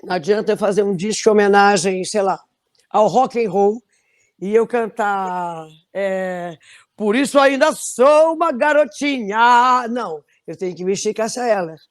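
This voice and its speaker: A middle-aged woman from Belém, Brazil, with a Brazilian Portuguese accent, a singer telling animated stories in an interview with many restarts. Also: medium pitch, normal speed. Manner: animated storytelling, frequent restarts. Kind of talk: conversational interview.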